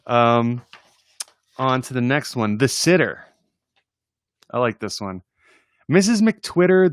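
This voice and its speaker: In a clean studio recording with no echo, a man with a mid-range voice reads funny children's poems as a story-time host. He's informal and amused, chuckling and adding chatty asides between poems.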